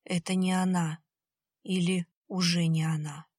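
A woman voicing a shaken man who speaks in a hushed, shaky way. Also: fairly low pitch, flat delivery, measured pace, slightly rough, dry recording, clean studio sound. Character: shaken young man, trembling but steadying.

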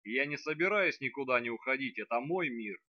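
A man's voice: medium pitch, lively intonation, fairly quick, no room sound, lo-fi sound, lightly acted. A man reading aloud voicing an angry, blunt young male necromancer who speaks curtly and insistently. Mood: stern. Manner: curt, insistent.

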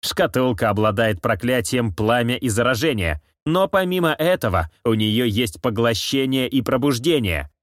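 A man's voice: medium pitch, sing-song, moderate pace, few pauses, dry recording, clean studio sound, close to an everyday voice. A man voicing a cheerful, scheming male killer who boasts about his plan. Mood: smug explaining. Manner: boastful, explanatory, gleeful. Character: cheerful scheming male ripper, smug plotter.

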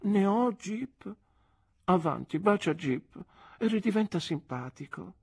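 A woman reader puts on a frightened, childish young wife, high and plaintive, swinging into a pleading whine and petulant protests. The voice is husky and close, in a dry, dead booth for a storybook audiobook. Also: animated, takes it slowly, darkish tone, no room sound, exaggerated voice.

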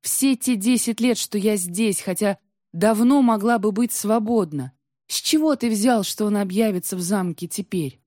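A woman's voice: fairly low pitch, lively intonation, normal speed, dark tone, no room sound, clean studio sound. A woman voicing a proud, bitter young tsaritsa who speaks coldly and insistently in a storybook reading. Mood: pleading. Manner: cold, prickly, insistent.

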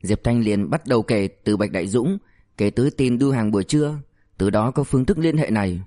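A man reading a crime novel aloud as narrator, in a steady storytelling manner. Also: mid-range voice, fairly quick. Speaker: audiobook narrator. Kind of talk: scripted narration.

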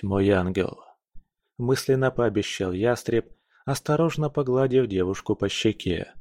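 Calm male audiobook narrator, dry sound. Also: medium pitch, no echo. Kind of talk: scripted narration.

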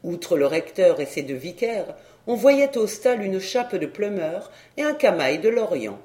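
A woman narrating a classic French tale as an audiobook, reading in an expressive, theatrical manner. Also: lowish voice, unhurried. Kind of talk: storybook narration. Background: soft instrumental music.

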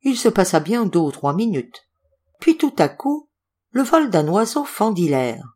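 A woman narrating an audiobook in an expressive storytelling manner. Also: mid-range voice, measured pace, husky. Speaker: volunteer audiobook reader.

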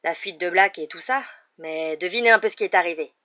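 A reader voicing a big, soft-hearted gamekeeper who talks loudly and excitably. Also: medium pitch, a little fast, lightly acted. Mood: excited. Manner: excitable, loud, bursting with news. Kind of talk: audiobook character voice. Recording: slightly dull lo-fi recording.

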